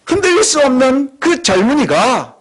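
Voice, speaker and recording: A male pastor delivers a sermon with a high, very animated voice that swings widely in pitch. He talks conversationally and emphatically, throws in rhetorical questions and often fills in with "예". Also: moderate pace.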